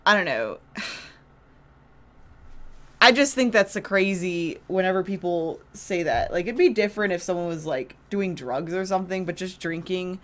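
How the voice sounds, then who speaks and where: Slow-talking jumpy woman reacting to horror. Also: mid-range voice, a bit bright. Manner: jumpy, exclaiming, ranting. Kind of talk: casual reaction commentary.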